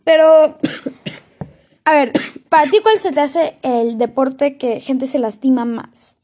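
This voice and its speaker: A woman's voice: high voice, slow pace, warm tone. A woman in casual chat who tells stories in a chatty way and often restarts her sentences. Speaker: co-host.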